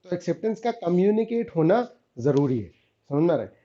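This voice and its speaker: A man's voice: high-pitched, sing-song, a little fast, dark tone, highs cut off. A man teaching a revision lecture, often stopping to ask the students whether they follow and calling them beta and guys.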